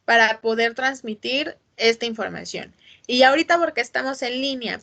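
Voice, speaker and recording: Expressive teacher, higher woman's voice. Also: gravelly. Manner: expressive, asks for checks with "¿sí?" and "ujú". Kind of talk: online class lecture.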